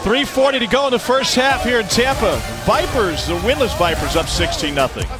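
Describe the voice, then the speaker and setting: A man calls a live football game as play-by-play announcer. His voice sits high for a man, with music heard behind it. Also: animated, brisk. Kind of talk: live American football commentary.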